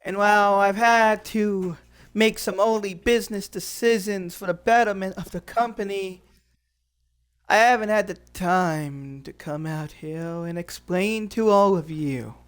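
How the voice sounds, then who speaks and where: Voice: medium pitch, clear, resonant tone, lightly acted. Someone doing a cocky heel wrestling boss. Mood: boastful. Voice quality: boastful, grandstanding, drawn-out dramatic pauses. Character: cocky male wrestling company owner. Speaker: wrestling roleplay promo performer. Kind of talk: in-character wrestling promo.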